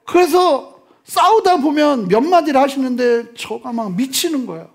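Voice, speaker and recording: A middle-aged man preaching a sermon as pastor, swinging from loud exclamations to hushed near-whispers. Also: extremely high pitch, expressive, normal speed, vocal fry.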